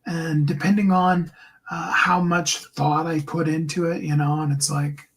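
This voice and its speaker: Speaking with little pitch movement, a man with a higher tenor motivates his viewers as their host and coach. The talk is earnest and encouraging, frequently slowing and falling to a quiet whisper.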